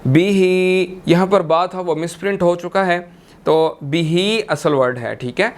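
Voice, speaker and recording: High, smooth-voiced man teaching tajweed. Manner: slow drawn-out melodic recitation, then brisk explanation. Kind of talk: tajweed lesson with chanted recitation.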